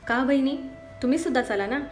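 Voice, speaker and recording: A woman's voice: high voice, quick pace, faint music behind, lightly acted. Woman reading a cocky young man, teasing, light storybook voice. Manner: boastful, teasing. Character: playful young man teasing his sister.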